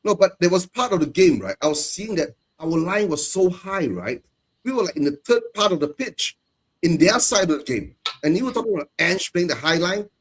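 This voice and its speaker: A man's voice: high voice, sing-song, a little fast. A man in casual football chat who keeps trying to cut in to make his point.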